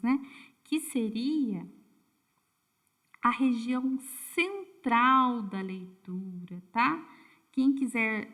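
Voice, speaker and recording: A woman giving a casual online lesson, speaking to her viewers with frequent tag questions and self-corrections. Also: on the high side. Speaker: teacher explaining literacy methods.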